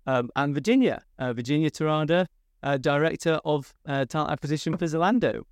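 A man hosting a podcast in a relaxed, friendly way, with lots of "um" and "uh". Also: a little high, fairly quick, smooth, no echo, studio quality. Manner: relaxed, filler-heavy, friendly. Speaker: podcast host, co-founder. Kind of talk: casual interview chat.

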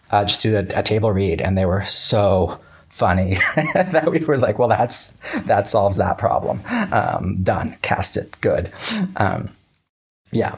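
Low-pitched with a breathy edge, a man chats casually as a guest on an interview. A writer by trade, he talks in stops and starts with hesitant false starts, often acting out earlier exchanges and quoting himself conversationally.

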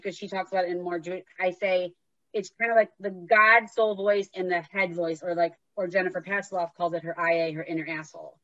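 A woman speaking candidly in a conversation, telling personal stories in a lively, animated way. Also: mid-range voice, dry recording. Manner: lively, animated, acts out inner voices. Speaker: guest author and recovery worker. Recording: dull, dry lo-fi sound.

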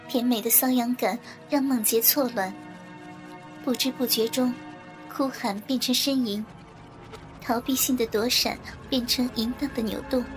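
A woman narrating a scripted adult audio story in a soft, even delivery. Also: a little high.

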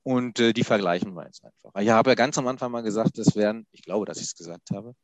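A man's voice: on the low side, fast talker, dry recording, highs cut off. A man explaining password security in a conversation, with frequent hesitations and restarts. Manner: hesitant, many fillers and restarts. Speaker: IT security expert guest.

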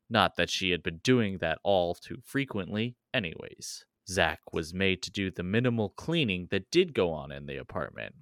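Man, low voice, podcast host, casual chat and story narration, dry close mic. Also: dry recording. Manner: laughs easily, animated riffs.

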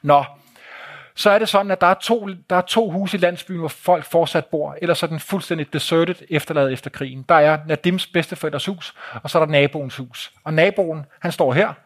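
A man telling a travel story to an audience in a live talk, vivid and blunt, with swearing and pointing out photos. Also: fairly high pitch.

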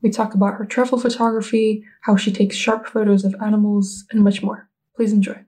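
A woman hosts a podcast interview in a husky, mellow voice. Her pitch stays flat and even. She keeps her guest going with frequent murmured agreement. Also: brisk, poor audio. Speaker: podcast host.

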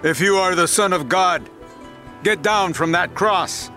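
A scornful passerby in a radio drama, taunting in a high, bright voice at a slow pace. Music plays behind him. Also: male voice. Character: mocking passerby, scornful adult man. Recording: music underneath.

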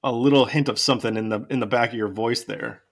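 A man's voice: mid-range voice, steady tone, quick pace, gravelly. A man hosting a podcast in casual chat with a friend, easygoing, joking and laughing often. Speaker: podcast host.

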